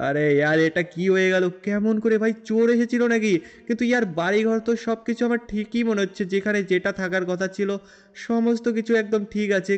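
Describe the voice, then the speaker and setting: A man's voice: sits high, lightly acted. A man role-playing a boastful young game hero, talking in a rambling, chatty way. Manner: rambling, chatty, repeats fillers. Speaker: gameplay narrator and role-player. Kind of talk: game role-play narration.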